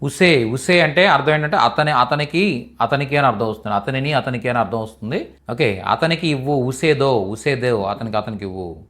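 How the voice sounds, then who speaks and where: A man's voice: mid-range voice, normal speed, a bit bright. Patient man drilling phrases. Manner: patient, repeats each phrase several times. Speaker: Hindi teacher. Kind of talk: live online language class.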